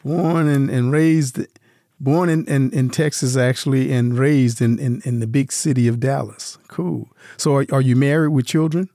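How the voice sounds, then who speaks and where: A man's voice: mid-range voice, steady tone, normal speed, warm tone, no echo, clean studio sound. A male radio show host doing an interview in an easygoing, conversational way.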